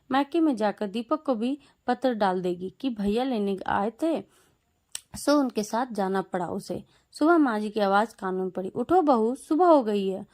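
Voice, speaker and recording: A woman narrating a scripted family story in a steady, expressive reading voice. Her pitch sits fairly high.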